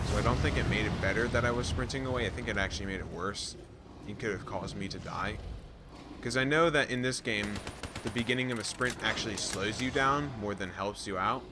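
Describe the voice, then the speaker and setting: A man's voice: on the low side, fairly quick. A man giving casual, rambling let's-play commentary with restarts and self-deprecating asides. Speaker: gameplay commentator. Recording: commentary over noisy game audio.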